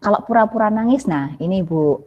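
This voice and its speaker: A woman speaking on a video call, explaining child development gently and with many hesitations while answering a parent. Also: mid-range voice, animated, fairly quick. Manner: gentle, hedging, many fillers and "ya" tags. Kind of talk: live webinar Q&A, explaining to a parent. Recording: dull lo-fi video call audio.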